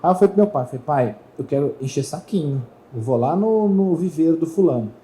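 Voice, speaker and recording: Animated man with a very dark voice. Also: a little high, a little fast, slight background noise, poor audio. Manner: animated storyteller who acts out voices in dialogue. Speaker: speaker at a trade fair. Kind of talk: storytelling talk to an audience. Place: talk stage at a trade fair.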